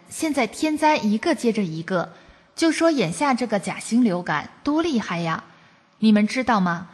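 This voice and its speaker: A woman's voice: a little high, slightly rough, in a large hall. A woman from China reading a first-person testimony aloud, in an earnest, preachy storytelling cadence.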